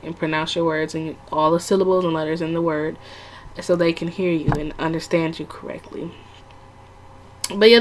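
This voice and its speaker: A woman talking casually to her viewers, chatty and rambling, with lots of fillers and restarts. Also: fairly low pitch. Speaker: vlogger giving sales tips. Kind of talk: casual talk to camera.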